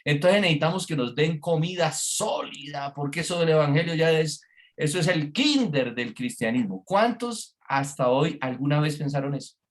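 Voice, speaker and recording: A man's voice: fairly high pitch, expressive, normal speed. A man preaching a sermon to a congregation, engaging them with frequent questions. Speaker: pastor. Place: church before a congregation.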